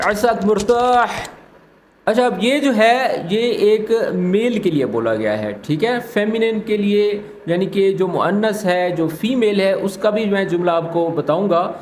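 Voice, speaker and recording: A man hosting a language lesson, patiently explaining phrases and repeating them slowly. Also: sits high, roomy sound, slight background noise. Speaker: Arabic teacher, channel host.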